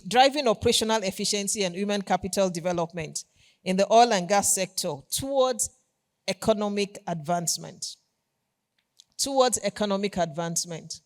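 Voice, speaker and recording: A company executive with a Nigerian accent giving a formal conference keynote with polished corporate enthusiasm, repeating key phrases for emphasis. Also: mid-range voice.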